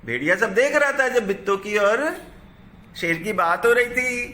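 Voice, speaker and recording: Indian male teacher, higher voice, unhurried, repeats each phrase for young pupils. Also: animated, bright, forceful tone. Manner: repeats phrases slowly, asks and answers his own questions. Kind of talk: textbook lesson explaining to children.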